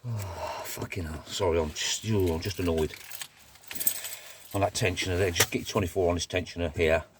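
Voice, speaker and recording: A man's voice: low-pitched, steady tone, brisk, noisy background. A man doing a casual car repair vlog, grumbling and swearing as he works. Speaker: car DIY vlogger.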